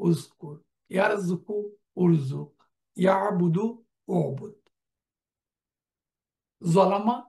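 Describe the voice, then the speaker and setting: A woman teaching Quranic Arabic grammar in a slide lecture, working through verb conjugations in steady, orderly lists. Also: fairly low pitch, gravelly. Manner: methodical, drills verb forms in lists. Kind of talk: online lecture over slides.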